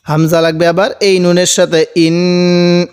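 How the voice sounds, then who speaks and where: A man with a high, smooth, resonant voice teaches Quran reading at a slow, deliberate pace. He spells each word letter by letter and draws out the recited syllables. A long reverb trails after his voice. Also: fairly even intonation.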